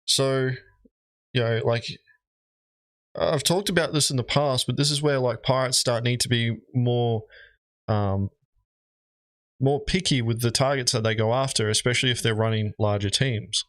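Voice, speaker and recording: A man's voice: mid-range voice, fairly even intonation, moderate pace, long pauses, fairly bright tone, no echo. A man giving casual, rambling commentary as he reacts to gaming videos, with lots of fillers. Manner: rambling, frequent "you know" fillers.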